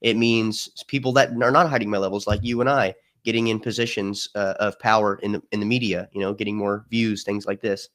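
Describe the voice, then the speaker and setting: Animated male storyteller guest. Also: lowish voice, a little fast, few pauses. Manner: animated storyteller, acts out quotes. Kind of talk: casual chat.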